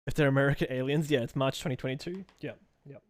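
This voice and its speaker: A young man streaming live, answering chat messages as he draws, in a loose, rambling way. His voice sits at an ordinary middle pitch. The sound is close and dry, with no room echo. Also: fairly even intonation, fast talker.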